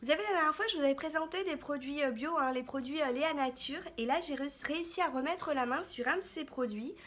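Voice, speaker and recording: Woman beauty vlogger, high voice, chatty and halting, casual haul talk. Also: fairly bright tone, a little hiss or hum. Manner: chatty, hesitant with frequent fillers. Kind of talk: casual haul vlog chat.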